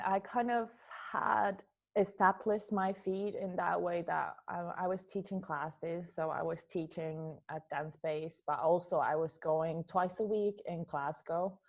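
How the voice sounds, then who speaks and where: Her voice sits on the low side and sounds a little mellow, though the audio is dull. She's a young Finnish dance artist with a Finnish accent being interviewed about her dance work, and she tends to hesitate, repeating words while thinking.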